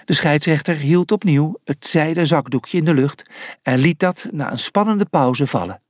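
A man narrating a children's audiobook chapter, slow and deliberate. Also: a little high, no echo, clean studio sound.

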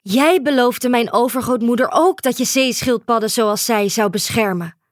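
A woman's voice: on the high side, moderate pace, no room sound, clean studio sound, natural voice. A woman voicing a brave, caring young island girl who pleads and urges in a storybook reading. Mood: pleading. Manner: urgent, pleading.

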